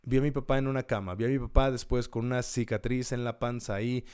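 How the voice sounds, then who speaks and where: A man's voice: mid-range voice, fairly even intonation, fast, a little mellow, smooth. A man hosting a podcast, giving an earnest, encouraging devotional talk and repeating key words with rising emphasis. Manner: occasional restarts and self-corrections.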